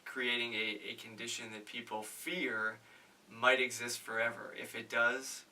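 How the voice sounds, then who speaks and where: A man speaking on a panel about stuttering, earnest and measured, with frequent fillers. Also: mid-range voice, little pitch movement, pushed and bright, far from the mic, rough recording. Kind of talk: casual panel discussion.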